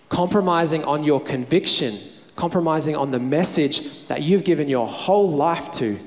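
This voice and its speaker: A man with an Australian accent preaching a sermon as pastor, energetic and emphatic, repeating phrases for effect. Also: fairly high pitch. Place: church hall. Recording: church hall reverb.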